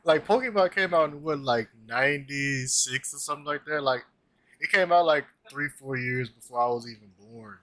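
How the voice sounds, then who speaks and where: A man's voice: mid-range voice, normal speed, no room sound. A man in his twenties chatting casually about cartoons, rambling with lots of filler words. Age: 20s. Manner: animated, rambling with many "like" fillers. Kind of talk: casual chat.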